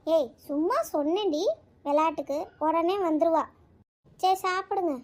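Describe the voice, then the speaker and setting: A woman's voice: very high voice, normal speed. A woman voicing a breezy, teasing middle-aged mother of the bride in a cartoon.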